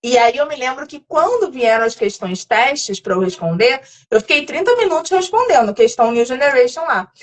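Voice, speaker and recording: Chatty high-voiced woman host. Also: normal speed, hardly any pauses. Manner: chatty and lively. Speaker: host of a nursing channel. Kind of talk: casual live chat.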